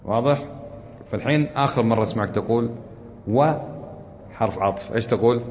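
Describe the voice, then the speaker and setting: A man's voice: medium pitch, fast talker, darkish tone, highs cut off, a little hiss or hum. A man teaching a classroom grammar lesson, patiently quizzing his students and repeating the rules.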